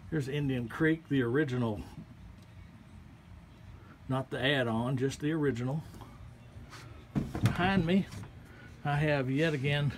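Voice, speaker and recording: An artist's casual gallery tour, recorded on a handheld phone, has him pointing out paintings one by one to visitors in a small art gallery. He speaks at medium pitch and a measured pace, pausing often, relaxed and folksy throughout. There's slight background noise.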